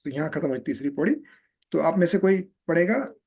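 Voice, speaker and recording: During an online live session over video call, a scripture teacher explains a sacred text patiently, repeatedly asking "है?" to check that students follow. His voice is a little high, gravelly, husky and slightly mellow, with lively intonation and a fairly quick pace.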